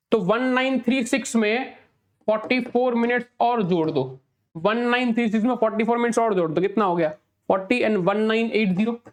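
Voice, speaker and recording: A man with an Indian accent and a sore throat, teaching an exam-prep lesson and repeating steps, often asking for a yes or no. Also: very high-pitched. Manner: repetitive, asks for yes or no.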